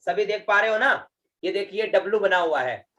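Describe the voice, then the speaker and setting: A high-pitched, bright, forceful voice belongs to a man running an online Vedic recitation class. He proceeds slowly and patiently, repeats words, draws out chanted syllables, and keeps checking in with the students through fillers.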